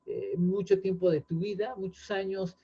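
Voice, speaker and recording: Earnest man, mellow lo-fi voice. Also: high-pitched, fairly even intonation, moderate pace, slightly rough. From Mexico. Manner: earnest, explanatory, many fillers and restarts. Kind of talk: casual chat. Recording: dull lo-fi sound.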